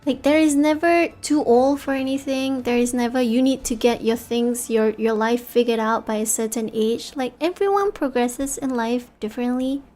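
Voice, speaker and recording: Late-night chat with viewers comes from a tired VTuber, a woman in her thirties with native English and Malay. She speaks at normal speed in a slightly high voice with hardly any pauses, rambling reflectively and restating her thoughts over faint music.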